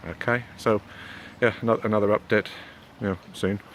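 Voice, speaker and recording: A man, talking casually and haltingly in a rambling vlog, often repeating words. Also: on the low side, fairly even intonation, fairly bright tone. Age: 40s. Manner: hesitant, halting, with repeated words and frequent "you know". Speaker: video blogger giving a health update. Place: outdoors near a road. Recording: clear background noise, outdoors with passing traffic.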